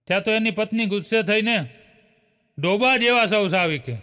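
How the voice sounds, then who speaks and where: A man rattles off short jokes in a high, bright voice. He chuckles often as he goes and tags his lines with a filler. His voice rings with a long hall reverb. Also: moderate pace. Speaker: joke teller. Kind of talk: telling a string of short jokes.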